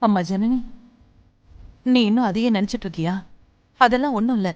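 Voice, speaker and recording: A woman's voice: fairly high pitch, brisk, a little mellow, dry recording, highs cut off, natural voice. An actress playing a worried, superstitious mother in a TV serial. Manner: worried, fretting.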